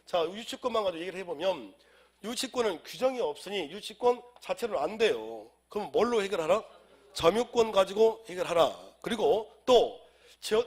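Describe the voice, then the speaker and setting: A man lecturing on civil law for an exam class, who has a cold, drilling students in call-and-response and firing rhetorical questions. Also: high-pitched.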